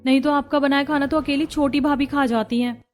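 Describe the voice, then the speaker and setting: A woman's voice: sits high, steady tone, a little fast, lightly acted. A woman voicing a teasing, snide young sister-in-law in a cartoon story.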